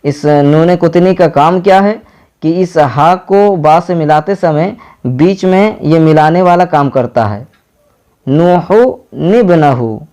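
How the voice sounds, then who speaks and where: A man's voice: fairly high pitch, takes it slowly, mellow. A man with an Indian accent teaching Quran reading, spelling out each letter and vowel mark syllable by syllable before blending them into words. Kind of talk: slow step-by-step lesson.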